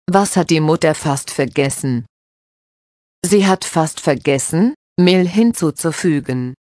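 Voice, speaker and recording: A woman reading a learner story and its comprehension questions in a measured, textbook manner, close to the microphone. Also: lowish voice, darkish tone, no room sound. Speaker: reader of a language-learning story. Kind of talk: slow scripted narration with comprehension questions.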